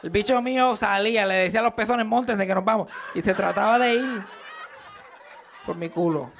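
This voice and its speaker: High, gravelly-voiced male stand-up comic. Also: moderate pace, a little hiss or hum. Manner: crude, animated storytelling with acted-out quotes. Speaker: stand-up comedian. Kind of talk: live stand-up comedy. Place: comedy stage at a live show.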